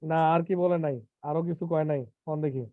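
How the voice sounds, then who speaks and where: A man teaching an IELTS class live online, lively and teasing, mixing English terms into casual speech. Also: on the high side, fast talker, no room sound. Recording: tinny phone-like online call, dry.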